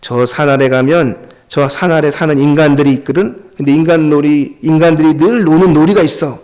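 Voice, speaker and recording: A man putting on a shrill bossy big-brother rabbit. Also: brisk, a little mellow, close to an everyday voice. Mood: coaxing. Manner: shrill, blustering, forced indignation. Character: bossy older brother rabbit, male, pushy.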